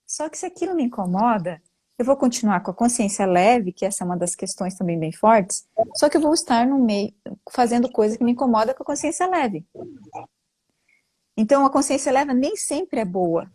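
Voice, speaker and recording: A woman's voice: animated, normal speed, warm tone, slightly rough. A woman, a family constellation facilitator, explains things earnestly and like a teacher during a live-stream talk. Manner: earnest, teacherly, with frequent rising pitch jumps.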